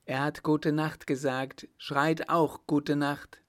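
A man shouting as a village mayor rallying a crowd. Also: on the high side, level tone, slow, pitched above the performer's own voice. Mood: rousing. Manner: loud, commanding calls.

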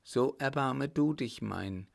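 A frightened young noblewoman, pleading and defiant by turns, her voice trembling, as a male reader puts her on. She speaks higher than an ordinary man, with a gravelly edge under it. This is a storybook reading. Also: takes it slowly. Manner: trembling, imploring.

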